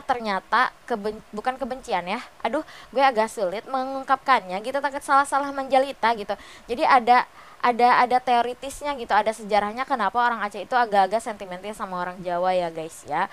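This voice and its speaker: A woman's voice: fairly high pitch, a little fast. Stuffy-nosed young woman vlogging from bed. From West Java, Indonesia. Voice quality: nasal. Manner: chatty, peppered with fillers. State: sick with a stuffy nose. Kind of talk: casual chatty vlog. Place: bedroom, on a bed.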